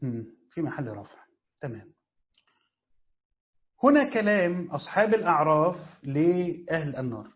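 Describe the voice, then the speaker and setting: A man with an Egyptian Arabic accent teaches a classroom lesson on Quran exegesis, explaining grammar, quizzing listeners, then answering his own questions. His fairly high voice swings widely in pitch at a moderate pace with frequent pauses, on a dull lo-fi recording.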